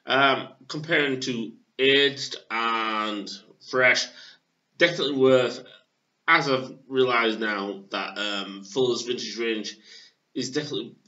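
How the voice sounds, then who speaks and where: A man in his thirties from England, casually reviewing a beer at home on a webcam, with plenty of hesitant fillers. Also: medium pitch. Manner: halting, filler-heavy, relaxed. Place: small room at home. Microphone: webcam at desk. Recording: dull lo-fi webcam audio.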